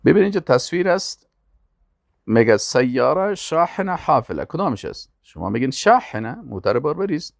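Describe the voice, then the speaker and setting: An older man with an Afghan Dari accent, teaching an Arabic lesson and patiently repeating words slowly for pronunciation. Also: on the high side, big pitch swings, gravelly, no echo, clean studio sound. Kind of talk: language lesson.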